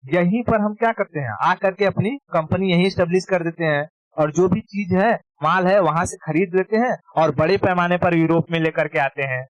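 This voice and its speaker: A man's voice: high voice, normal speed, dry recording, lo-fi sound. A man teaching history in a casual exam-prep lecture, informal, repeating key terms and checking that students follow.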